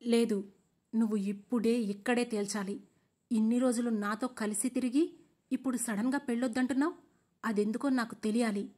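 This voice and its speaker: A woman voicing a heartbroken young fiancée who pleads and demands loudly. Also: a little high, brisk, natural voice. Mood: distraught. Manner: pleading, rising to loud demands.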